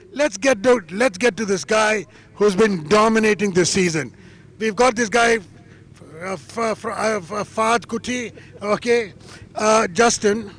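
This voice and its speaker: A man's voice: high voice, fairly bright tone. A man working as a grid interviewer outdoors before a race, chatty and off the cuff, repeating himself and often tagging on "okay". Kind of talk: live pre-race interview, casual and off the cuff.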